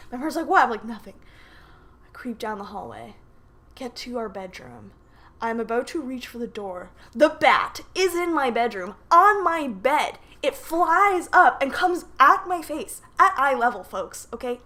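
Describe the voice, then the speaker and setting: A young woman, a podcast host, telling a dramatic story in a lively, casual way with many asides, from her apartment. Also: fairly high pitch. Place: apartment living room with sliding door open.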